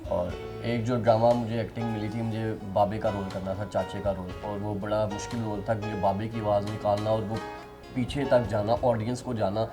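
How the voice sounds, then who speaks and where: A young man answering interview questions in an earnest, soft-spoken, slightly halting way. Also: fairly low pitch, flat delivery, music in the background. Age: young adult. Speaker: interviewee, musician.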